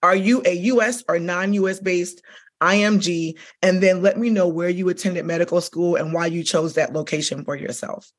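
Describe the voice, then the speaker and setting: A woman's voice: lowish voice, moderate pace. A woman hosting an interview podcast, enthusiastic and chatty, peppering her questions with "like" and "okay?". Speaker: podcast host.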